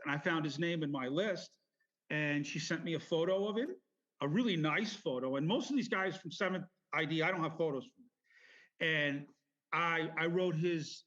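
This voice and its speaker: A middle-aged man with a somewhat high-set voice is being interviewed as a veteran. He rambles through his recollections, pausing and correcting himself as he goes. The sound is muffled and lo-fi. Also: a bit bright. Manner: halting, meandering, self-correcting. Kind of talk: rambling personal storytelling interview. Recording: dull lo-fi audio.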